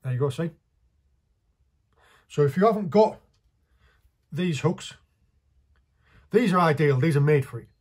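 A man's voice: fairly high pitch, lively intonation, a little slow, long pauses, a little mellow, husky. A man, casually talking through a hands-on fishing tutorial while he works, in a small indoor workshop. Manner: chatty, practical, talks while working with his hands.

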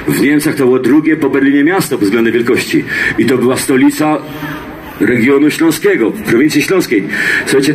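A man's voice: mid-range voice, slight background noise. A middle-aged man with a Silesian accent bantering with an audience in dialect, jokey and folksy, repeating himself as he goes, through a handheld microphone on an outdoor stage. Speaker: comedian and singer, stage entertainer. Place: outdoor stage in a town square. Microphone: handheld microphone through loudspeakers. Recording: live PA with music, filmed from audience.

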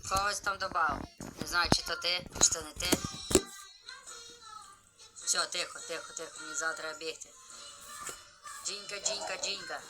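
A man live-streaming a game, chatty and excited, greeting viewers as he plays. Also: fairly high pitch, moderate pace, pauses often, loud music behind the voice, poor audio.

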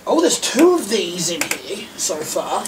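A man's voice: sits high, very animated, measured pace, background noise. A middle-aged English man rambling casually as he sorts a box of toy cars at his desk, with self-mocking asides. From England. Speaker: diecast collector vlogger. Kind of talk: casual narration while sorting toys. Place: at a desk indoors. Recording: distant mic with clicks and clatter.

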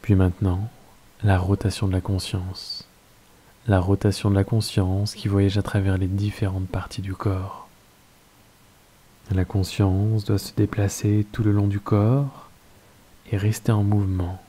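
French male meditation guide, deep and soft-spoken, slow calm delivery. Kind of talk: guided yoga nidra meditation.

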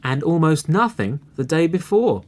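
A man voicing a litter of hungry little fox cubs in a storybook, pleading loudly in high voices. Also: sing-song, normal speed.

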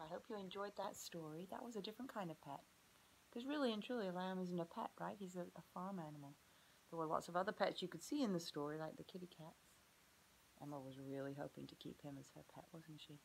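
Gentle gravelly-voiced woman reading aloud. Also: fairly low pitch, slight background noise, low-quality recording. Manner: gentle, asks the children questions about the pictures. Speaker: preschool teacher. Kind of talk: reading a picture book aloud to children.

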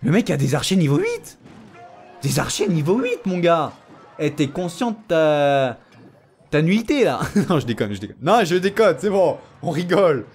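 A man's voice: fairly high pitch, sing-song, normal speed, a little mellow, soft background music. A young man commenting casually on his own gameplay, joking and teasing the viewer and his opponent. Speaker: gaming YouTuber. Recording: faint background noise.

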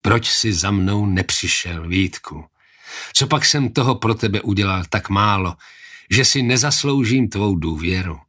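Male reader as a steady, reproachful nobleman; low, measured, authoritative.

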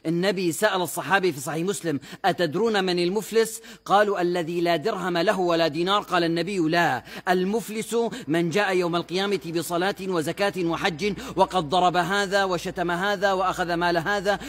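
High, quick-talking preacher man. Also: fairly even intonation, a bit bright. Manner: earnest, explanatory, quotes scripture at length. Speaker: Islamic preacher. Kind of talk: short religious advice talks.

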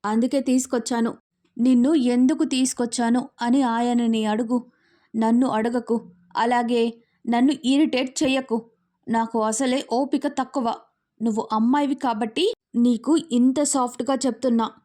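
A short-tempered, threatening young man in a romance audio story, as a woman reader puts him on. He talks gravely and sternly, irritated, in a voice pitched a little lower than the reader's own. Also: steady tone, moderate pace, dark tone, lightly acted.

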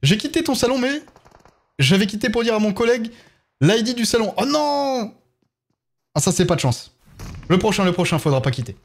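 A man's voice: high voice, big pitch swings, fairly quick. A man with a French accent, chatting casually on a live game stream and thanking viewers one by one as he plays.

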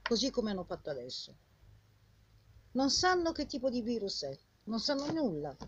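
An older woman with a husky old woman's voice delivers an indignant, scolding monologue straight at the listener, full of rhetorical questions and repeated phrases. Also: on the high side, big pitch swings, moderate pace, no room sound. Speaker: vlogger. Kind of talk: impassioned informal monologue addressed to the viewer. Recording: dull lo-fi sound.

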